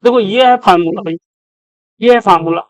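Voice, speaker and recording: Male coaching teacher, talks through sums, asks the class as he goes, crisp dry sound. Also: sits high, a little fast, dry recording, lo-fi sound. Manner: repeats questions to the class as he works. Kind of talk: step-by-step problem solving lesson.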